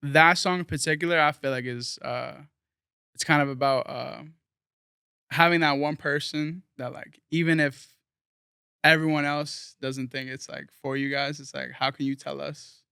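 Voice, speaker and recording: A man's voice: a little high, fairly even intonation, normal speed, creaky, sharp tone, clear, resonant tone, no echo, studio quality. A young man from South Florida, a guest musician talking casually in an interview, rambling earnestly with lots of fillers.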